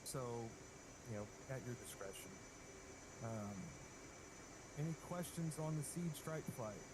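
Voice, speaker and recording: A man's voice: medium pitch, animated, unhurried. A man giving a loose flight-mission briefing over voice chat, his audio glitching and cutting out, with frequent ums and restarts. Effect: glitchy voice-chat audio that cuts out. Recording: noisy, glitchy online voice chat.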